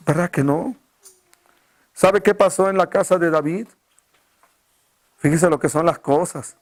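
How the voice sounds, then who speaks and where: Pastor preaching with rhetorical questions. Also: male voice. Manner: asks the congregation many rhetorical questions; drops low and quiet to stress key words. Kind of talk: sermon.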